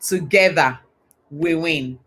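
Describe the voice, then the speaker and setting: A woman's voice: sits low, slow pace, fairly bright tone. A woman hosting a live online talk show, enthusiastic and affirming as she sums up and asks questions. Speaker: host.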